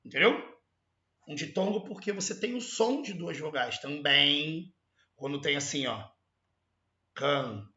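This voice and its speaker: A man with a Brazilian Portuguese accent teaching an exam correction lesson, animated and emphatic, stretching out sounds to show them. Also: a little high, unhurried, roomy sound, highs cut off.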